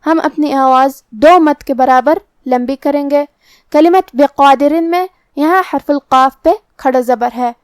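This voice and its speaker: A woman teaching Quran recitation rules in a methodical, careful way, chanting verses slowly between explanations. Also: high voice, a little mellow, dry recording, studio quality. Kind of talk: tajweed lesson with slow recitation.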